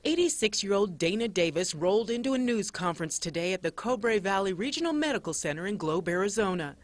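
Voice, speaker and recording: A woman's voice: mid-range voice, animated, brisk, no echo. A woman working as a television reporter, narrating a scripted news package.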